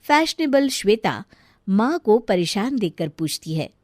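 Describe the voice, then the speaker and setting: A woman narrates a scripted family tale in an expressive storytelling way. Her pitch moves lively, and the sound is dry and close. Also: a little slow, no echo.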